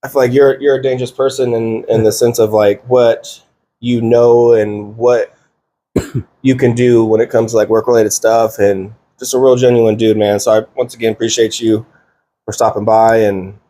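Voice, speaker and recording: A man's voice: medium pitch, flat delivery, moderate pace, mellow. Laid-back man in his thirties hosting. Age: 30s. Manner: loose, slangy, lots of fillers and restarts. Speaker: podcast host. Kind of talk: casual chat.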